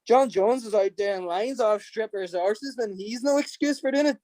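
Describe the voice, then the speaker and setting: An Irish man appears as a podcast guest in a casual interview, blunt, profane and fiery, and quick to laugh. His voice is high with a darkish tone, and there's no echo.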